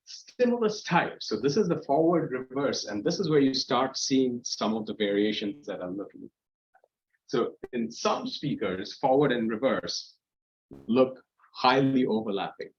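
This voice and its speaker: A guest lecturer speaks unhurriedly in a lecture room at a university seminar, captured in dull audio. His mid-range voice has lively intonation, and his loose explanations are full of fillers and restarts.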